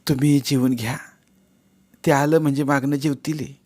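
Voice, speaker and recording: A man's voice: medium pitch, fairly even intonation, normal speed, a little mellow, pitched above the performer's own voice, close to an everyday voice. A man voicing an anxious middle-aged village wife in an audiobook, pleading in a raised voice.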